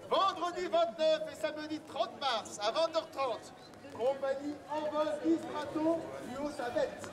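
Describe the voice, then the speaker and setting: A man cries out like a town crier in a very high, projected voice. He declaims public notices and messages line by line. He is recorded out in an urban street, with a crowd audible around him. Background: crowd and street sounds.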